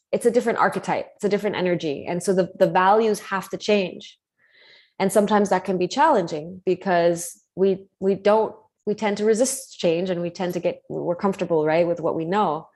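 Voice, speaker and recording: Her voice is on the low side and darkish in tone. She's a coach reflecting earnestly on commitment during a live video call, thinking out loud with plenty of fillers and restarts, captured through the call's microphone.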